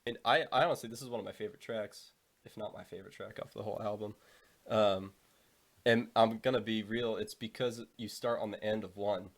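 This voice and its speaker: A man's voice: on the low side, fairly even intonation, brisk. A man interviewing a band, enthusiastic and casually profane.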